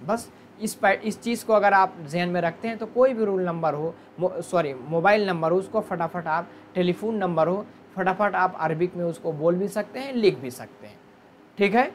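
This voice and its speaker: Woman teacher, lowish voice, patient step-by-step explaining, faint background noise. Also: moderate pace. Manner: explaining step by step, asking and answering her own questions. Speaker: Arabic teacher. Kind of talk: online grammar lesson.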